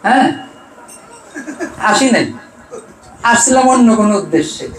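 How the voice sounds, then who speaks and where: A man giving a devotional sermon. He keeps asking questions and answering them himself, rising for emphasis and trailing off low. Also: lively intonation, normal speed, reverberant, low-quality recording. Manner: rises in pitch and volume for emphasis, trails off low. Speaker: preacher. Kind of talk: devotional sermon with chanted verses.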